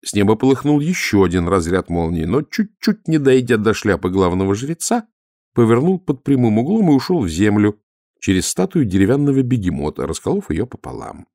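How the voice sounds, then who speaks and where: A low-pitched male narrator reads an audiobook with an expressive, varied delivery. The sound is close and dry, with no room around it. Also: brisk, no echo. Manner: expressive, lively reading.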